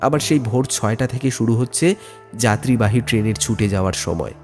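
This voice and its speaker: A man with a lowish, darkish voice tells a scripted first-person ghost story at a fast clip, building drama and suspense. Music plays underneath him.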